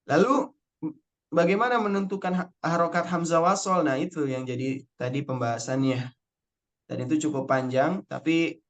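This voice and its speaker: A young man teaching an online Arabic spelling lesson, patiently explaining rules step by step and repeating key words. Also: fairly high pitch. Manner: recites Quranic verses slowly in chant.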